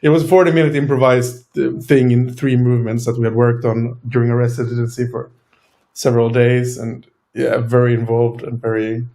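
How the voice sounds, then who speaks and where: A man's voice: mid-range voice, level tone, moderate pace, warm tone. A man, a musician in a band, talking casually in an interview and hesitating often with fillers. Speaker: band member.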